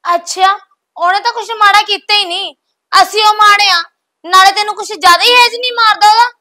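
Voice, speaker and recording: A woman's voice: very high-pitched, fairly even intonation, a little fast, sharp tone. A woman with a Punjabi accent playing a resentful young wife who bickers sarcastically. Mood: sarcastic. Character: resentful young wife jealous of her sister-in-law. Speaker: wife and daughter-in-law.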